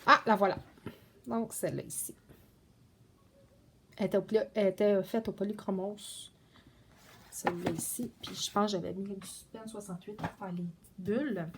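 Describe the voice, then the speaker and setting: A woman's voice: mid-range voice, steady tone, moderate pace, pauses often, slightly rough. A woman chatting casually in a show-and-tell vlog, meandering with many fillers and restarts. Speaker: coloring book vlogger.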